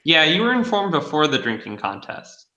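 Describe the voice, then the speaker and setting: A man's voice: fairly high pitch, very animated, moderate pace, bright, forceful tone, roomy sound, highs cut off. A man running a tabletop role-playing game as game master, narrating scenes and talking with his players.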